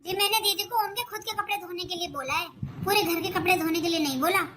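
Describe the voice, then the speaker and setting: A woman's voice: very high-pitched, quick pace. A woman voicing a put-upon young daughter-in-law in a cartoon, arguing reasonably. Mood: pleading. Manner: pleading, reasonable. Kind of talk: cartoon voice acting. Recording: noisy recording.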